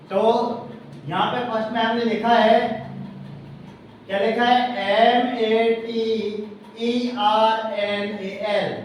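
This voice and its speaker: A high-pitched man teaches a classroom lesson, spelling out words letter by letter and quizzing his students. He is picked up from across the room, so his voice rings with heavy echo over a faint hum of room noise. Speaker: English tutor. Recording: echoey room recorded from a distance.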